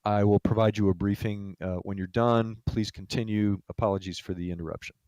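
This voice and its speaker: A man's voice: lowish voice, steady tone, a little fast, warm tone, no echo, dull audio, voice pushed down, close to an everyday voice. A man voicing a flustered male government aide who stammers out polite apologies. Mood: apologetic.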